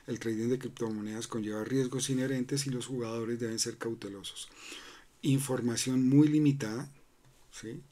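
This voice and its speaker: Medium in pitch and dark in tone, this man's voice stays steady at a moderate pace. Hosting a crypto channel, he chats conversationally through a screen recording, restarting often, leaning on fillers, and tagging lines with "¿no?".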